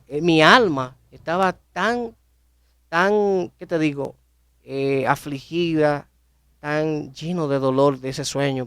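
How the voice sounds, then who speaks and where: A man's voice: mid-range voice, creaky, fairly bright tone, no room sound, clean studio sound. A young man giving a personal faith testimony, telling his story emotionally with many repetitions and restarts. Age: young adult. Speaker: testimony speaker.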